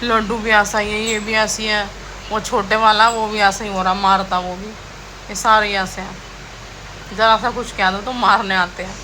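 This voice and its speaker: A woman's voice: medium pitch, little pitch movement, moderate pace, bright, forceful tone, a little hiss or hum. A young woman, a mother, chatting casually in a home vlog and scolding her children now and then. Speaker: vlogger and mother. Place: home kitchen and rooms.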